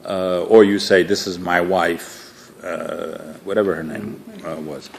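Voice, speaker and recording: A man teaching a relaxed religious class, telling stories in a conversational way with frequent restarts and fillers. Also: low-pitched, takes it slowly, vocal fry, a loud crowd. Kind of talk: informal religious class talk.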